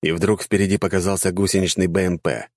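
A man narrating a fantasy war story with lively, dramatic delivery. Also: low-pitched, quick pace, dry recording, clean studio sound.

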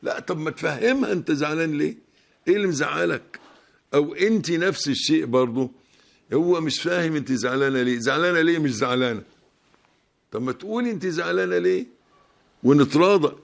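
A man's voice: fairly high pitch, fast, creaky. Emphatic Egyptian preacher man. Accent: Egyptian Arabic. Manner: colloquial, emphatic, rising loudness when stressing points. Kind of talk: Ramadan sermon.

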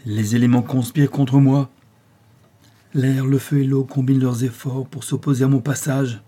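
A man's voice: mid-range voice, monotone, normal speed, close to an everyday voice. A man doing a furious, defiant old professor. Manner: loud, defiant declaiming.

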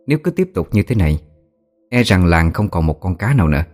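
A man reading a ghost story aloud in a slow, somber way. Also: low-pitched, sing-song. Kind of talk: scripted horror story narration. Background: soft music with singing bowl.

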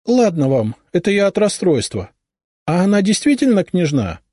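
A sharp, imperious mother from a storybook, scolding in a high, lively voice, as a male narrator puts her on. The sound is close and dry, with no room around it. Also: normal speed, no echo. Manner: reproachful, imperious.

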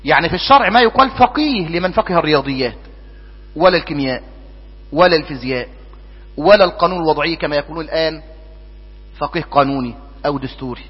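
A man with an Egyptian accent teaches in a high, breathy voice, prompting his class and then answering for them. The recording is muffled and lo-fi. His voice rings out with a long reverb through a lecture hall, and a mains hum runs underneath. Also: animated, quick pace, long pauses. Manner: asks the class questions and answers them himself. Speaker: teacher of Islamic jurisprudence. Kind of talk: classroom lesson.

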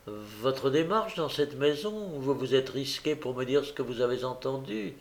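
A man reading the part of a kind, virtuous young lady who speaks in an earnest, gently coaxing way. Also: medium pitch, expressive, normal speed, natural voice.

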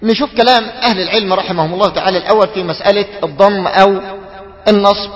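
High-voiced Egyptian sheikh teaching in a hall. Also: male voice, fairly even intonation, fairly bright tone. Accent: Egyptian Arabic. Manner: questions students and draws out the answers, chants the takbir slowly to demonstrate. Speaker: sheikh teaching a study circle. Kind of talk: Egyptian-colloquial lecture mixed with formal Arabic.

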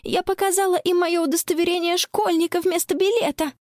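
A woman voicing a frightened schoolgirl who sobs and pleads slowly down a phone line. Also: very high voice, fairly even intonation, darkish tone, dry recording, studio quality, voice pushed up. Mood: upset. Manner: tearful, pleading, slow.

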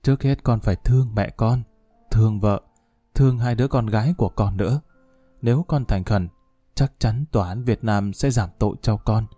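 A grieving old mother speaks softly through tears, as a man narrator puts her on. Her voice is mellow and warm, recorded dry and close for an audiobook. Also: on the low side, moderate pace, dry recording, soft background music, lightly acted. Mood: gentle. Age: older. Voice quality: choked, tearful. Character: elderly Lao woman, tender and grieving mother figure.

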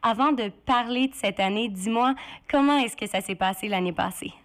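A woman's voice: fairly high pitch, moderate pace. A woman hosting a radio interview, friendly and asking prompting questions. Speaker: radio host.

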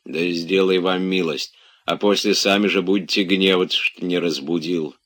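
A man with a low voice, voicing a grumbling elderly male manservant in an audiobook, coaxing and exasperated. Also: steady tone, moderate pace, fairly bright tone.

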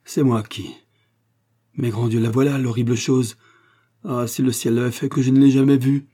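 A man voicing a terrified, guilt-stricken male museum curator who speaks hoarsely and frantically. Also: on the low side, steady tone, moderate pace, dark tone. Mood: anguished. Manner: frantic, raised voice.

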